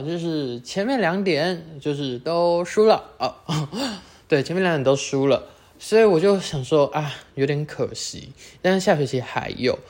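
A high-school-aged speaker with a Taiwanese Mandarin accent, hosting a casual solo chat that rambles and keeps correcting itself. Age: late teens. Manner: rambling, self-correcting, chatty. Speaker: podcast host.

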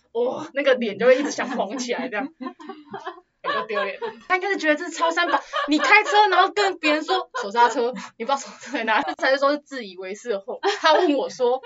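A young woman with a Taiwanese Mandarin accent tells a story at a rapid clip, her voice sitting a little high. She laughs often and acts out what people said. The recording sounds dull and lo-fi. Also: a crowd in the background. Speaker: podcast co-host. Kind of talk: casual chat, storytelling. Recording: dull lo-fi audio.

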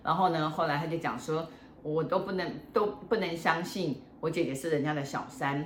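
Low-voiced older woman. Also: a little fast. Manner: chatty and joking, many fillers. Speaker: fortune teller. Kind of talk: casual storytelling. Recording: roomy room with faint noise.

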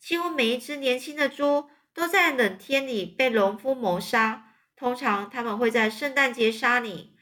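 A woman's voice: fairly high pitch, normal speed, bright, forceful tone. A woman reading a children's book aloud as a storyteller, retelling it in plain narration.

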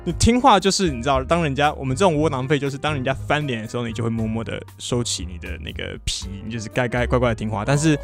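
A man telling stories in casual podcast chat, brisk and expressive. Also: mid-range voice, vocal fry, faint music behind. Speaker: podcast co-host.

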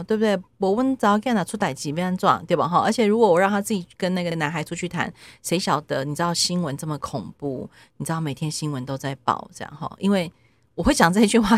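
A woman hosting a parenting podcast in casual, animated chat, often asking listeners to agree. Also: fairly low pitch, dry recording. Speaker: podcast host.

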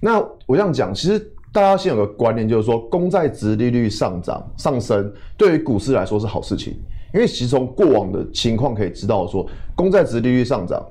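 A man's voice: medium pitch, sing-song, a little fast, darkish tone. A man with a Taiwanese accent giving informal market commentary as a guest analyst, often asking questions and answering them himself.

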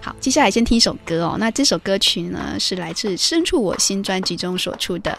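Co-hosting a radio program, this woman chats with listeners in a lively, slightly quick manner, her medium-pitched voice creaky and a bit nasal from congestion and a runny nose. She has a Taiwanese Mandarin accent, and gentle music sits behind her.

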